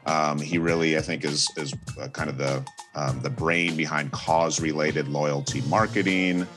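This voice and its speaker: A man's voice: very deep voice, steady tone, normal speed, over music. A man hosting a podcast in a casual, chatty style. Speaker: podcast host. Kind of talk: casual chat.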